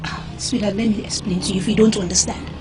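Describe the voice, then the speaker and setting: An actress playing a bold, sharp-tongued young village woman who taunts loudly and scornfully. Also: mid-range voice, steady tone, quick pace, music in the background, natural voice. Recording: noisy background.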